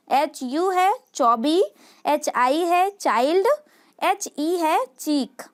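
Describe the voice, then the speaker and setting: A woman teaching English phonics to parents, spelling out letters and sounding out words one by one. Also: sits high. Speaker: home tutor teaching English reading.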